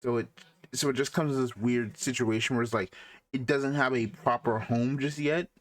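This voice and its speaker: A man's voice: medium pitch, steady tone, moderate pace. A man co-hosting a casual podcast chat, teasing and incredulous as he talks. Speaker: podcast co-host.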